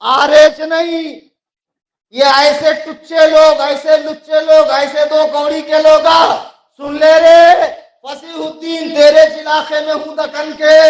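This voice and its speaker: High-voiced, fiery preacher with a Mumbai accent. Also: male voice, reverberant, rough recording. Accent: Mumbai Hindi. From India. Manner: fiery, shouting, mocking polemics. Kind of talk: fiery sermon. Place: religious gathering, live event.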